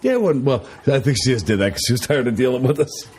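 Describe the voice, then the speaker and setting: A man's voice: medium pitch, very animated, fast talker, a little mellow, husky. A man co-hosting a casual podcast, grumbling sarcastically and swearing often. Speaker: podcast co-host. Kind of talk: casual chat.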